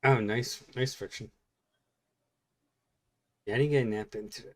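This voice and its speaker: A weary man talks loosely and unhurriedly, trailing off and restarting his thoughts. His voice sits at an ordinary middle pitch and he sounds worn out after a long week. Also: normal speed. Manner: relaxed, rambling, with fillers. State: tired, yawning. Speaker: co-host. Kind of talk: casual late-night chat.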